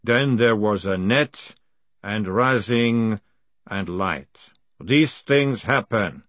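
A man voicing an ancient, solemn male clay golem messenger who speaks slowly and gravely. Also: fairly low pitch, no echo, heavily acted. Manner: slow, measured, flat and grave.

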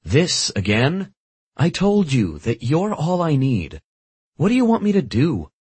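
A man's voice: on the high side, wildly swooping pitch, unhurried, a little mellow, slightly rough, no room sound, pitched above the performer's own voice, full character voice. A man voicing a stubborn young gamer who grumbles and jokes dryly. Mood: grumbling. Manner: dry, grumbling.

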